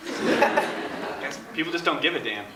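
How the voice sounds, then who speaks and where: A male sidekick with a high, swooping voice drops punchy late-night quips in banter with a host. He sounds far from the mic in an echoey room full of noise. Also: wildly swooping pitch, slow pace. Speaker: on-stage sidekick. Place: large echoey room with live audience.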